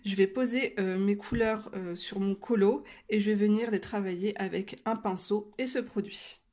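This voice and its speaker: A woman casually explaining a coloring technique step by step, talking to her viewers with frequent hesitant filler pauses and chatty asides. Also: mid-range voice, fairly even intonation, darkish tone. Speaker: coloring tutorial creator.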